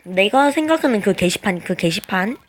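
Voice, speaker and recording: A woman with a naturally high voice, chatting casually as she plays a life-sim game, hesitant and full of little filler sounds. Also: animated, normal speed. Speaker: game streamer. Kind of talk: casual gameplay commentary.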